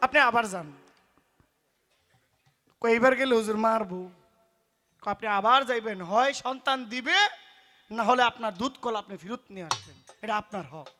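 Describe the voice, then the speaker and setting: A man with a tells a religious story on stage in pala gaan style, loud and emphatic, acting out the voices of its people. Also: very high voice, brisk. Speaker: folk singer preaching a story. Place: stage at a live folk performance.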